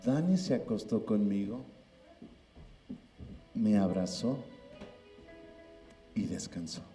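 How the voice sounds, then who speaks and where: A man's voice: fairly low pitch, expressive, slow pace, warm tone, echoey room, soft background music. A middle-aged man preaching a sermon as pastor, emphatic and often addressing listeners as brother. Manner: emphatic, repeats "hermano" often.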